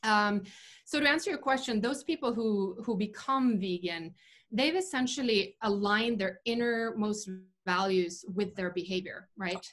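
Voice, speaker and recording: A woman's voice: mid-range voice, fairly bright tone. A woman in her forties talks as an interview guest over a video call from home. She speaks thoughtfully, circling back with fillers and restarts as she explains her views. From Norway. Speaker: guest, vegan chef. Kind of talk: casual interview talk. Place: home room indoors.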